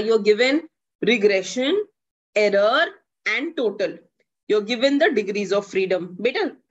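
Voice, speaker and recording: A young woman with a North Indian accent teaching an online lesson, explaining worked problems step by step and often checking understanding. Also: on the high side. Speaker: economics teacher. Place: indoors, online class over video call. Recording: dull, compressed video call audio.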